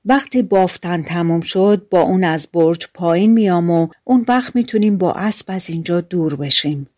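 A woman voicing an innocent young girl in a fairy-tale audiobook, speaking softly. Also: fairly low pitch, no echo, studio quality, lightly acted. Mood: gentle. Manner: soft, innocent tone.

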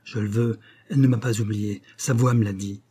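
A man's voice: on the low side, steady tone, fairly quick, warm tone, slightly rough. A man as a lovesick young duke. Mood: passionate. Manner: passionate, muttering.

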